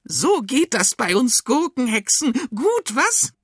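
A man voicing a shrill, cheeky old woman, a cucumber witch in a children's radio story, with a nagging, scolding manner. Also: sing-song, slow, fairly bright tone, slightly rough, no room sound, studio quality, exaggerated voice.

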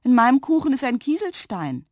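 A woman voicing an excited little kindergarten girl who speaks in an eager, outspoken way. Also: high voice, fairly quick, no room sound, studio quality, voice pushed up. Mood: astonished.

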